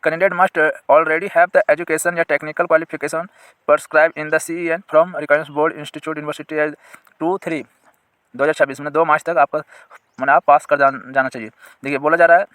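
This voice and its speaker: Male exam-prep teacher, slightly high voice, dry close mic. Reads notice text slowly, then explains it to viewers. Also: a bit bright, no room sound. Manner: asks viewers questions and points them to sections on screen.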